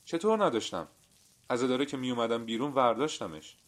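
A man's voice: on the low side, lively intonation. A man voicing a flustered, forgetful middle-aged clerk who pleads and scolds himself in an audio story. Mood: polite, worried. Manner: agitated, pleading and self-scolding.

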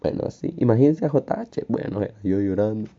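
A young man with a Honduran accent telling a personal story in a casual, slangy, animated way. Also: on the low side, fairly quick. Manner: animated, slangy, acts out his own crying. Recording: dull lo-fi recording, faint music.

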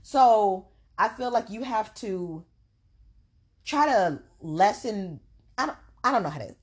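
Animated woman co-hosting a podcast chat. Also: mid-range voice, slow. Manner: animated, emphatic storytelling. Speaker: podcast co-host. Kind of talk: casual chat.

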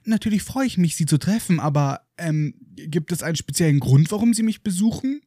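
A man's voice: on the high side, expressive, a little fast, warm tone, dry recording, studio quality. A polite, unsure teenage wizard, as a man reads him aloud. He speaks hesitantly and stammers a little, in a slightly raised voice.

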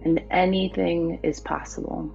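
A woman teaching yoga, giving slow, soothing instructions for the final rest and closing. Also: on the low side, steady tone, gravelly. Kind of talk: guided yoga cool-down. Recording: dull lo-fi with faint music. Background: soft background music.

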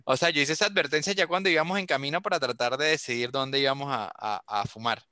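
Name: S0. Sex: man. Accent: Venezuelan. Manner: lively storyteller. Timbre: bright, clear, dry. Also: mid-range voice, quick pace, dry recording. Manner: animated storytelling with voices of others. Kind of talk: casual chat.

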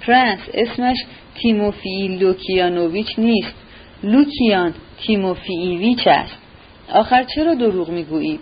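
A woman's voice: medium pitch, breathy edge, natural voice. Woman voicing a sneery young guy mocking his uncle, storybook, kinda dull lo-fi sound. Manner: sneering, loud and derisive. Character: scornful young man, mocking nephew.

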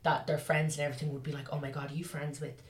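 A young woman hosting a podcast, talking quickly and emphatically in a relaxed back-and-forth. Her voice sits low for a woman. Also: husky. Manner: quick and emphatic, warm interjections. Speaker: podcast host. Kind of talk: casual chat.

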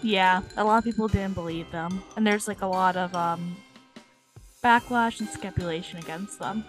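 A woman's voice: on the low side, normal speed, soft background music. A young woman co-hosting a paranormal podcast, telling a story in casual chat with fillers and swearing. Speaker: podcast co-host.

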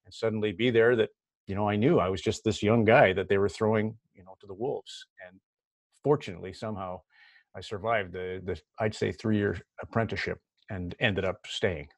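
Brief: middle-aged Canadian man, low voice, dry close recording, casual anecdotal interview talk with stop-start restarts. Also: steady tone, moderate pace, dry recording. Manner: conversational, repeats words when starting a thought. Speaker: hockey broadcaster guest.

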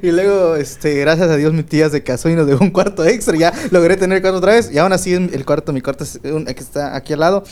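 A man with a soft, boyish voice that sits fairly high for a man. He chats casually in a small home studio, circling his points with fillers and breaking into laughs. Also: fast talker, hardly any pauses. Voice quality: light, boyish voice. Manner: laughs often, rambling with many fillers. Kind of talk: casual chat.

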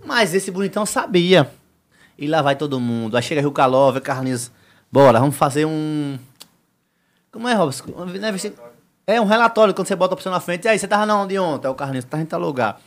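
A man excitedly retelling a story in casual chat, full of slang. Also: a little high, fast.

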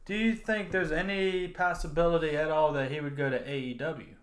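A man co-hosting a casual podcast chat, easygoing and quick to agree. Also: fairly high pitch, fairly even intonation, reverberant. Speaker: podcast co-host.

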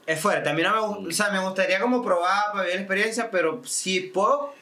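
A man's voice: high-pitched, fairly quick, pushed and bright. A man, co-hosting a casual podcast and chatting reflectively, often restarting his sentences. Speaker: podcast co-host. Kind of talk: casual chat.

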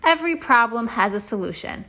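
A woman reads a children's chapter book aloud with lively energy. Her voice sits slightly high. She stops now and then to explain words to a listening child. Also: fairly quick. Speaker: storybook reader.

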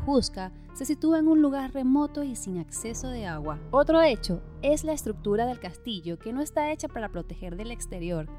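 A woman's voice: on the high side, darkish tone. A woman hosting a podcast, giving a scripted narration and speaking to her listeners affectionately. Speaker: podcast host.

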